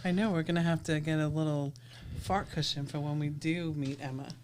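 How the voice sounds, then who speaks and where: A woman's voice: low-pitched, steady tone, fairly quick, a little mellow, a little hiss or hum. Affectionate woman co-hosting a cruise stream. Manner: affectionate, laughs often, short replies. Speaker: co-host of a live cruise show. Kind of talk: casual live-stream chat.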